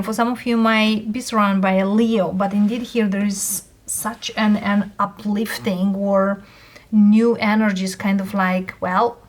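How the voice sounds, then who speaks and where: A woman who is a non-native English speaker gives a casual tarot reading, speaking haltingly in short phrases with pauses. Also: mid-range voice. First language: not English. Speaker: tarot reader host.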